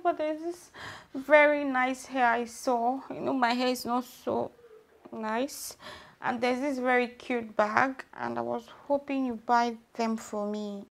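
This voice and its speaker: A woman's voice: on the high side, a little hiss or hum. A woman with a Nigerian accent playing a giggly girlfriend who sweet-talks her boyfriend for money in a comedy skit. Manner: wheedling, giggly.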